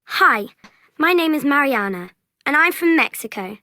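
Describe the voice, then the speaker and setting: A woman voicing a cheerful girl in a textbook listening recording, reading clearly. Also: sits high, animated, normal speed, sharp tone, dry recording. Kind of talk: scripted textbook audio.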